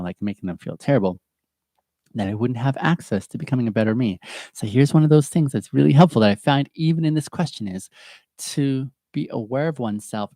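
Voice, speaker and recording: A middle-aged man talks through a casual, reflective podcast monologue from his home. His voice has a gravelly, mellow tone. He is chatty and earnest and often laughs at himself, and the sound is dry and close. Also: on the low side, no room sound. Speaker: podcast host.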